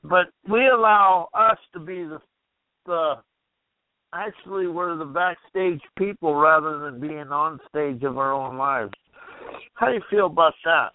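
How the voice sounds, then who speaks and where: Over a tinny, phone-like radio line, a fairly high-pitched man takes his time hosting a motivational call-in show. He rambles, fires questions at the listener, and is clearly losing his voice. There's no echo.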